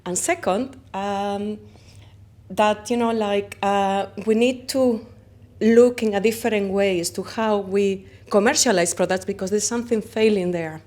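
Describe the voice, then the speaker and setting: In a conference interview, a woman from Spain who founded a company talks in a mid-range, unhurried voice with a Spanish accent. Her manner is lively and expressive, full of vivid comparisons.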